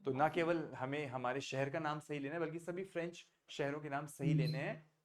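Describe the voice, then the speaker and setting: Over slight background noise, a man with a somewhat high voice and fairly even intonation teaches French pronunciation online. Slow and patient, he combines Hindi with English and prompts his students to repeat each sound.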